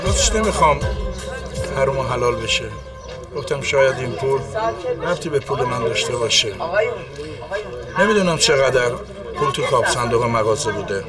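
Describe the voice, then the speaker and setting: A man's voice: medium pitch, expressive, long pauses, distant mic, loud music behind the voice, natural voice. An actor playing a troubled shopkeeper who earnestly explains his lost money.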